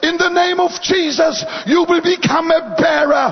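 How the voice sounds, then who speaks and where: An older man from Germany, preaching a sermon in short phrases that his interpreter translates, sometimes rising to shouts. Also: extremely high pitch, fairly even intonation, measured pace. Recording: echoey hall, dull sound.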